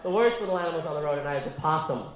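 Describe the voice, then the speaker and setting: A man performing a stand-up routine on a comedy club stage, wry and punchy, shouting his punchlines, with an audience laughing. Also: fairly high pitch, expressive, racing. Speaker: stand-up comic. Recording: echoey club with loud laughing crowd.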